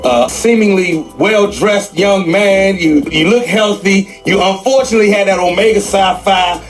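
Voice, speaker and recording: Male morning show host, high-pitched voice, informal and effusive interview style, light music underneath. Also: normal speed. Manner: effusive, informal, gives shout-outs. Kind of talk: chatty radio interview.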